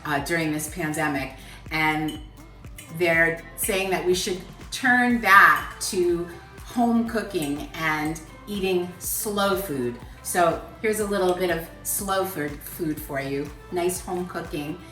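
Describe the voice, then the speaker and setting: A woman's voice: fairly low pitch, takes it slowly, bright, forceful tone. A woman hosting a casual cooking show, explaining each step in a kitchen. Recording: echoey room, mic far off, background music.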